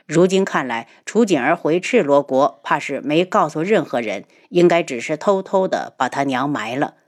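Cold aloof prince, low and steady, storybook reading, voiced by a woman. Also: normal speed. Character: calm cool-tempered noble prince, man.

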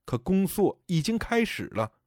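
A man voicing the grieving spirit of a dead elderly mother, speaking softly and sorrowfully. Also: sits high, very animated, moderate pace, no echo, clean studio sound, voice pushed up. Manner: soft, sorrowful pleading.

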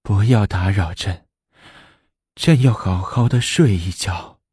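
A man voicing an aged, weak but imperious empress with slow, faint, drawn-out speech. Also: fairly low pitch, a little mellow, husky, dry recording, studio quality, heavily acted. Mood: calm.

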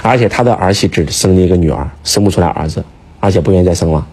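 A man's voice: low-pitched, racing, darkish tone, slightly rough. A man lecturing in a casual chat, emphatic and full of rhetorical questions, talking to his listener like a teacher. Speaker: speaker, teacher.

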